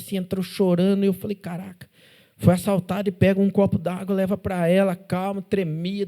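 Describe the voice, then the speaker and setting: A man with a Brazilian Portuguese accent chats as a podcast guest, telling stories with animated energy and acting out the dialogue. His voice sits a little high with a mellow, warm tone. He keeps tagging his sentences with a questioning "né?". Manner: animated, acts out dialogue, constant "né?" tags. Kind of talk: casual testimony storytelling. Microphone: studio podcast mic.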